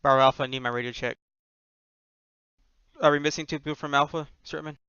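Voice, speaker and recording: Male military-sim player, bright and crisp, procedural radio talk and casual squad chat. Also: a little high, steady tone, fast talker, no room sound, lo-fi sound.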